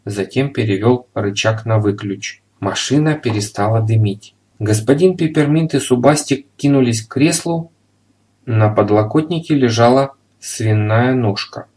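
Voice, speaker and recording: A man reading a children's story aloud with lively, expressive narration. His voice sits at an everyday middle pitch, and his delivery is steady and engaged. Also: measured pace. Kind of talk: audiobook narration.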